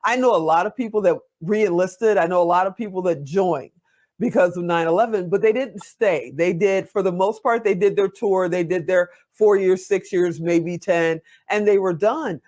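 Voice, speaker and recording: A woman's voice: fairly low pitch, moderate pace, darkish tone. A woman in her fifties hosts a talk show interview. She is a veteran who chats in an encouraging, rambling way. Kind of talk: interview conversation.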